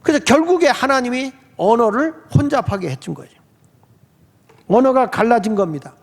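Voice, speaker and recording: A man delivering a sermon as pastor of a congregation. His voice sits high for a man, and he talks to the people in a plain, questioning way. The sound carries the long reverb of a church sanctuary. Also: animated, moderate pace. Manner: conversational preaching, asks the congregation questions.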